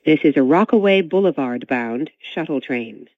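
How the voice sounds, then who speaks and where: A recorded train announcer making onboard stop announcements over the loudspeaker after a chime, in a measured, evenly paced delivery. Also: mid-range voice, lively intonation, no room sound. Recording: tinny, dry speaker sound.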